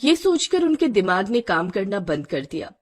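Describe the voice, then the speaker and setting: Breathy woman narrating a dramatic tale. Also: mid-range voice, moderate pace. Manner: dramatic, expressive. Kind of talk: scripted storytelling narration.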